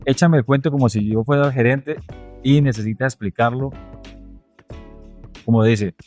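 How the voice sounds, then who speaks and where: A man's voice: medium pitch, normal speed, a little mellow, faint music behind. Playful Colombian podcast host man. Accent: Colombian Caribbean coast. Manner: prompting, playful interviewer. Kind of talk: casual podcast chat.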